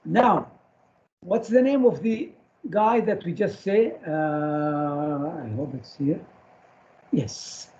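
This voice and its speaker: A man's voice: a little high, slow pace, darkish tone, muffled recording. A man lecturing a class on chemistry, firing short questions at students and repeating key terms so they stick.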